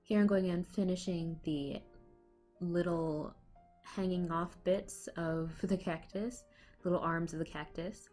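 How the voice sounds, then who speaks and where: This art vlogger has a cold and talks casually over her own painting video with fillers and light laughter, using a laptop mic at home for the speed-paint voiceover. Her voice is lowish, darkish, fairly even in intonation and a little slow, with faint music behind her.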